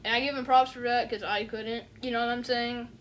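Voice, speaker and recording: This online reviewer has a voice on the high side, delivered flat and brisk, with slight background noise. Her spoken review is casual and dismissive, wandering all over the place, stuffed with fillers and the recurring "you know what I'm saying."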